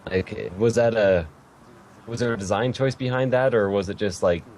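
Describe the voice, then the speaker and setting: A man's voice: on the low side, moderate pace, a little mellow, a little hiss or hum. A man hosting a podcast interview, chatting casually and rambling a little, correcting himself as he goes. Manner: rambling, self-correcting, light laughter. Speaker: podcast host.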